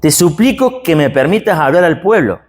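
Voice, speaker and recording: A man's voice: fairly high pitch, big pitch swings, normal speed, breathy edge. A man with an Argentine Spanish accent preaching an expository sermon in a church, chatty and asking his listeners rhetorical questions. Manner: conversational, asks the congregation rhetorical questions.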